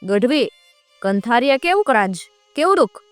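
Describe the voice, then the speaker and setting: A proud king from a folk tale snaps out short, commanding questions in a raised, high-pitched voice, as a woman narrator plays him. The sound is dry and close, with faint music behind it. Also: big pitch swings, moderate pace, no room sound. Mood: probing. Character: proud king questioning a wailing bard, man.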